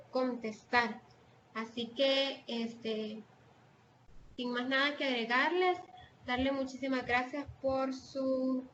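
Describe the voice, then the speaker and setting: High-voiced Salvadoran tutor over a video call. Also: female voice, fairly bright tone. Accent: Salvadoran Spanish. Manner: hesitant, with fillers like "este" and restarts. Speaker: online tutor. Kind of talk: online class lecture. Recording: dull lo-fi video call audio with faint noise.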